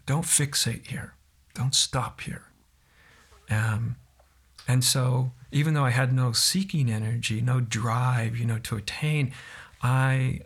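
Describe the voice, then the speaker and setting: A man recounting a personal experience in a reflective, halting, soft-spoken way, as a guest in an interview. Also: medium pitch, creaky, breathy edge.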